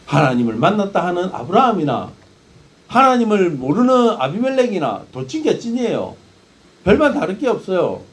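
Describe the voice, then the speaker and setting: A man's voice: high-pitched, huge pitch swings, normal speed. A male pastor preaching a sermon, firing rhetorical questions at the congregation.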